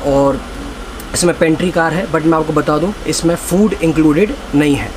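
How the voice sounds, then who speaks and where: A young man in his twenties gives an upbeat travel vlog, holding the phone at arm's length and reeling off figures. His voice sits fairly high. Station and train noise come through clearly behind him. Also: normal speed. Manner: upbeat, explanatory, rattles off numbers and facts. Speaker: travel vlogger. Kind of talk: casual travel vlog narration. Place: railway platform and inside a train coach. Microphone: phone camera at arm's length. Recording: noisy station phone recording.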